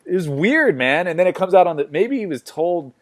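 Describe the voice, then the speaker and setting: A man's voice: high-pitched, sing-song, fairly quick, no echo. Joking podcast guy with a dry close sound. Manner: joking, puts on mock voices to mimic people. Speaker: podcast co-host. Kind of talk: casual chat.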